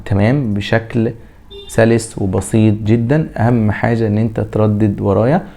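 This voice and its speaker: A man with an Egyptian Arabic accent teaching a French pronunciation lesson, drawing out example words slowly and answering his own questions. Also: fairly low pitch, fairly even intonation, vocal fry, warm tone. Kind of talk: classroom lesson.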